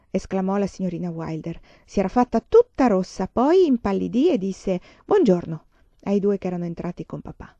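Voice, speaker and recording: Woman reading a story, mellow tone. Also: fairly low pitch, no echo. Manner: even, measured storytelling. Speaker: audiobook reader. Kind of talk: scripted narration of a novel. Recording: dull, dry lo-fi audiobook recording.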